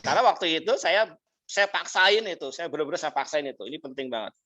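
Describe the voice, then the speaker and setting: A man teaching a business class as a mentor, telling stories in an animated way, laughing often and acting out the people he quotes. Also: on the high side, fast. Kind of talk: motivational storytelling talk. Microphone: video call.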